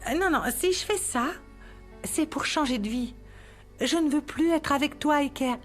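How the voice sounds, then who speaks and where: A woman's voice: sits high, normal speed, soft background music, lightly acted. An actress in a dubbed television drama playing a firm, independent mother and estranged wife.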